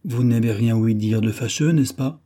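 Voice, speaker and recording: A man voicing a soft-spoken, earnest young woman in an audiobook reading of a classic novel. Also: mid-range voice, moderate pace, lightly acted. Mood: anxious.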